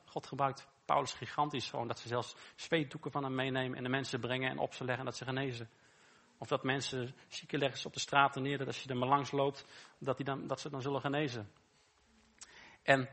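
In an informal sermon, a man preaches with an easy, conversational manner and a bright, forward tone in the mid-range. He poses rhetorical questions to his listeners and repeats short phrases for emphasis.

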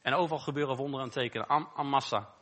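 A man preaches in an easy, conversational way with a bright, forward tone. He asks his listeners rhetorical questions and repeats short phrases for emphasis. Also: mid-range voice, racing. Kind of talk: informal sermon.

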